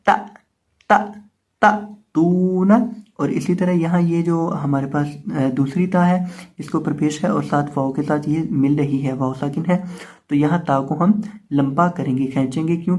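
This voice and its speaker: A man teaching Quran reading with an Urdu accent, patiently explaining letters and reciting each syllable slowly and more loudly. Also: a little high. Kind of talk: step-by-step recitation lesson.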